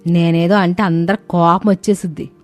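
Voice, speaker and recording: A woman voicing a sharp-tongued mother-in-law who scolds and brushes others off in a storybook tale. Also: lowish voice, fairly even intonation, moderate pace, soft background music, natural voice. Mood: dismissive. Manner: scolding and dismissive.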